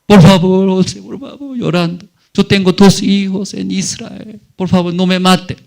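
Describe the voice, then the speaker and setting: A man's voice: sits high, fairly even intonation, brisk, gravelly, pitched above the performer's own voice. A male preacher acting out a frightened man who begs tearfully for his life. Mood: pleading. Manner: pleading, tearful.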